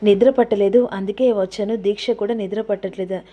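A woman voicing a calm young man who answers politely and reluctantly. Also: medium pitch, fast, muffled recording, lightly acted.

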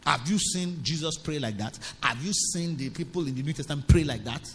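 A man preaching a sermon, telling stories and scolding in an animated way. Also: fairly high pitch, a little fast. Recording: reverberant hall with faint hum.

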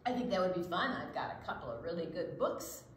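An older woman from Iowa, United States, presents children's storytime, telling stories and reading picture books aloud. Her fairly low voice is very animated and fairly quick, with faint background noise.

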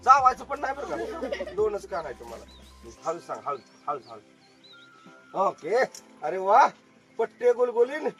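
A man's voice: high voice, very animated, moderate pace, long pauses, faint music behind. A middle-aged man, performing as a magician and keeping up joking stage patter and crowd banter outdoors. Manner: joking showman who keeps calling for loud applause. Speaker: magician performing for a tour group. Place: outdoors at an agro-tourism farm.

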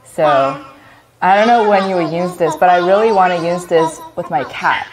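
A woman casually presenting her company's products, relaxed and laughing often between filler-heavy explanations. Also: lowish voice, normal speed, a crowd in the background. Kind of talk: casual product demo chat.

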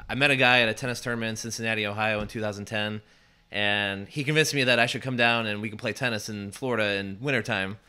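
Man, 30s, from Indiana, interview guest, upbeat, quick, bright tone, studio mic. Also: on the low side, clean tone. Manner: upbeat, quick, confident storytelling. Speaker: guest, networking group founder. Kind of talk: casual interview answers. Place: small radio studio. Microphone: studio mic on stand.

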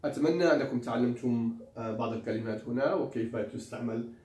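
Man, language teacher, slow deliberate delivery, repeats phrases, distant mic, echoey room. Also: mid-range voice, warm tone. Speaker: English teacher. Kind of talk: language lesson.

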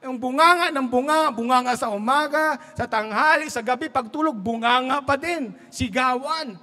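A man's voice: very high-pitched, moderate pace, sharp tone, big-room sound. A man preaching a sermon as pastor, mixing Tagalog and English, telling jokes and laughing at his own stories.

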